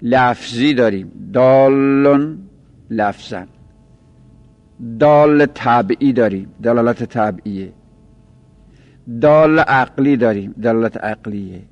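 Man teaching grammar, mid pitch, patient and repetitive, drags out key words, dry recording. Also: darkish tone, dry recording, dull audio. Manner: explains slowly, stretching key terms and repeating points. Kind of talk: seminary-style grammar lesson.

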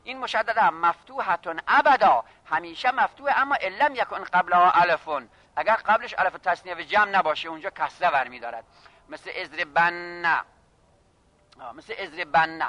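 A man teaching a classroom lesson on grammar, reading phrases slowly and then explaining them briskly while addressing his students. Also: sits high, sharp tone. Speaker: seminary teacher of Arabic grammar.

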